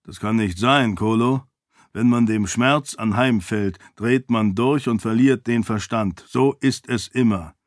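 Galadon, a man doing a calm sceptical friend. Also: on the low side, measured pace, dry recording, clean studio sound, lightly acted. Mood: explaining.

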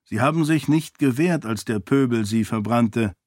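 A man's voice: mid-range voice, moderate pace, a little mellow, no echo, studio quality, close to an everyday voice. Raoden, a man voicing a strained young prince. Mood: troubled. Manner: tense, strained. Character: young exiled prince in pain.

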